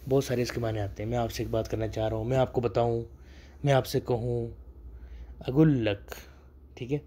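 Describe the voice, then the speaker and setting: Man teaching spoken Arabic phrases, mellow-voiced. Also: medium pitch. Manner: explanatory, repeats Arabic phrases slowly and emphatically. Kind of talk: video lesson explaining spoken Arabic.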